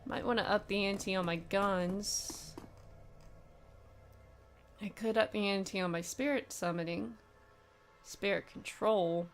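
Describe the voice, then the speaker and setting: A woman's voice: mid-range voice, slow pace, pauses often. Woman musing through a game. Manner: musing, thinking aloud. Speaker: let's play host. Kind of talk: casual gameplay commentary.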